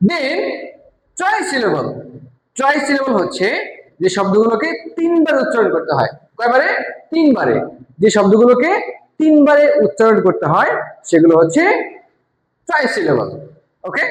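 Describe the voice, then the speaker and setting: Bangladeshi woman teacher, lively classroom lesson voice, echoey room. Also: on the high side. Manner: says syllable examples slowly and repeats them. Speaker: English grammar teacher. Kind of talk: classroom-style lesson explanation.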